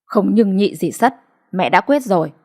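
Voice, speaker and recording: A woman's voice: medium pitch, lively intonation, moderate pace, darkish tone. A woman voicing a blunt, stubborn older mother who dismisses her daughter firmly, in an audiobook reading. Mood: stubborn scolding. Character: stubborn bossy old mother, blunt and domineering.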